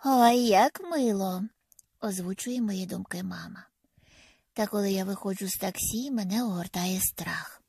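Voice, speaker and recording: Brief: female audiobook narrator, gravelly, intimate, half-whispered at times, medium pitch. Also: moderate pace, a little mellow, dry recording. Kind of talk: first-person audiobook narration.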